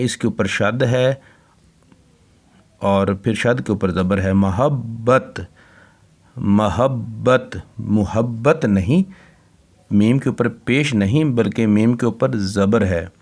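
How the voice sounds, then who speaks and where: Teacher guy, spells out each word then says it again and again, kinda low voice. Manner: spells words letter by letter, then repeats each word slowly. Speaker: Urdu teacher. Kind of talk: slow word-by-word dictation lesson.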